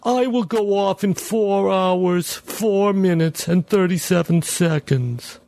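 A man voicing a talking nuclear bomb, calm and proud, speaking in slow, measured announcements. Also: high-pitched, vocal fry, pitched above the performer's own voice, heavily acted.

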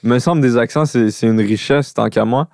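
A man with a Québécois accent talks in a relaxed chat, often trailing off and hunting for the right word. His voice is smooth and resonant at a middle pitch. The sound is dry and close to the mic. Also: normal speed, no echo. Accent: Québécois French. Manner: hesitant, searching for words with many fillers. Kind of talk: casual chat.

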